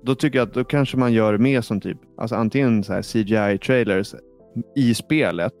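A man's voice: medium pitch, faint music behind. A man hosting a casual gaming podcast, telling stories with lots of fillers and restarts. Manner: animated storyteller, many fillers. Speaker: podcast host.

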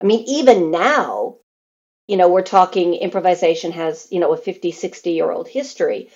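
In a relaxed interview, a woman recounts stories and mimics what others might say; she's a Canadian theatre performer raised in Newfoundland and Alberta. She speaks at a normal speed in a low-side, darkish voice, captured with lo-fi sound.

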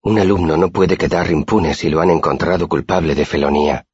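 A grave young student speaks low and softly, as a man puts him on. His voice is deep and husky. The recording sounds dull and dry. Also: a little fast, dry recording. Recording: dull, muffled audiobook recording.

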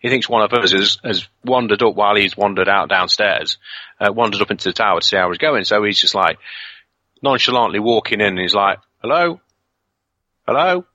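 Bright, forceful man telling ghost stories. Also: fairly low pitch, fairly quick, no echo, muffled recording. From United Kingdom. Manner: animated, rambling anecdotes with many fillers. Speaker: ghost hunter guest. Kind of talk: casual storytelling interview.

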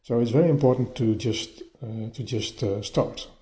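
Speaking into a voice-note app on his phone, this podcast host delivers a casual solo monologue in a mellow, medium-pitched voice. The recording is dull and lo-fi with slight room echo from a half-furnished bedroom, and his speech is halting, full of repeated words and restarts.

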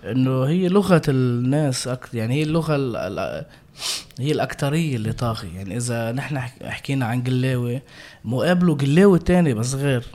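A man with a Lebanese Arabic accent speaks at a quick clip in a medium register. He sounds like a guest in a casual chat, using everyday colloquial language. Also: medium pitch, lively intonation, mellow. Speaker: comedian guest. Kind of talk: casual conversation.

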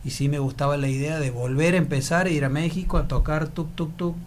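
This Argentine actor speaks with his native accent in a casual interview, musing at length and restarting often. He talks fairly quickly in a fairly high, fairly even voice, with slight background noise.

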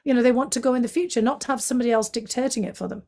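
A woman's voice: a little high, very fast, mellow. Middle-aged woman w/ a northeast english accent, talking candidly as a guest, lots of "you know"s. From County Durham, England. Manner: fluent and candid, with frequent fillers and restarts. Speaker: guest, former intelligence analyst. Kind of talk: conversational interview answers.

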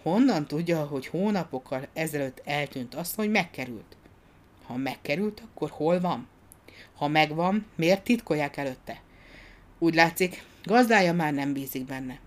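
A woman narrating a story aloud in an expressive, measured way. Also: sits low. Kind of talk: audiobook narration.

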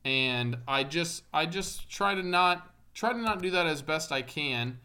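A man's voice: fairly high pitch, expressive, unhurried, sharp tone. A man in his twenties co-hosting a podcast, talking in a laid-back, reflective way and swearing casually. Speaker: podcast co-host.

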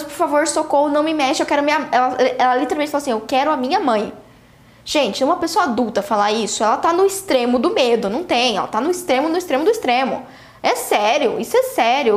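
A young adult woman with a Brazilian accent, a dentist telling a patient story to fellow dentists in a lively, animated way. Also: high-pitched, roomy sound. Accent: Brazilian Portuguese. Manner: animated storytelling, acts out quotes. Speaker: dentist teaching other dentists. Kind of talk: casual teaching talk with a story.

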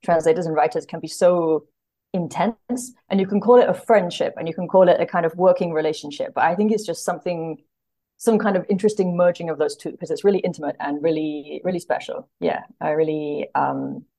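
A literary translator appears as a podcast guest, speaking conversationally, earnestly, and thoughtfully, often searching for the right words. Her voice is low, gravelly, and dark, and she talks fairly quickly.

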